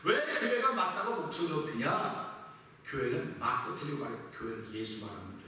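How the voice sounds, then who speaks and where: 교회 예배에서 설교하는 남자 목사로, 대사를 연기하듯 섞고 수사 의문문을 던집니다. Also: male voice, medium pitch, lively intonation, normal speed, bright, forceful tone, a little hiss or hum. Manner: preaching with acted dialogue and rhetorical questions. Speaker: pastor. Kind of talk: sermon. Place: church sanctuary. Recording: echoey church hall, mic at distance.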